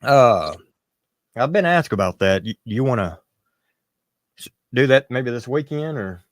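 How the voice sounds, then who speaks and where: A man's voice: medium pitch, expressive, a little slow, dry recording. A man co-hosting a casual livestream, talking in a laid-back, drawling way. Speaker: livestream co-host. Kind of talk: casual chat.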